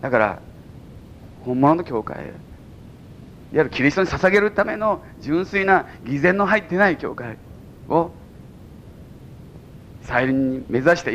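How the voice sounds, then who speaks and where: A man with a Mikawa Japanese accent preaching a sermon as pastor to a congregation, with sudden high exclamations and chuckles. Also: fairly bright tone, highs cut off, a little hiss or hum. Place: church service before a congregation.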